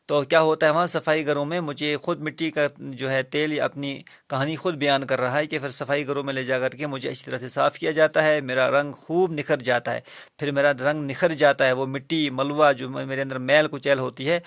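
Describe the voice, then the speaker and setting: Male teacher, gravelly and monotone, spelling words slowly for young pupils. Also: medium pitch, dry recording, studio quality. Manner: slow letter-by-letter spelling out of words; patient, repetitive teaching voice. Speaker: primary school teacher. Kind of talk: recorded Urdu reading lesson for children.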